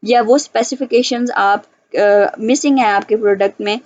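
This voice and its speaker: A woman teaching from handout notes, reading English lines slowly and then explaining them in a chatty way with many fillers. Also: on the high side, fairly even intonation, a little mellow, no room sound. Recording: slightly dull lo-fi audio.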